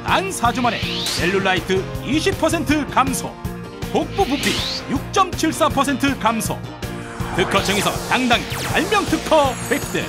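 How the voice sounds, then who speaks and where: Animated woman announcer, hard-sell ad over loud music. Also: high-pitched, normal speed. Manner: punchy, emphatic slogans. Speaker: advertisement announcer. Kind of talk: scripted hard-sell ad narration.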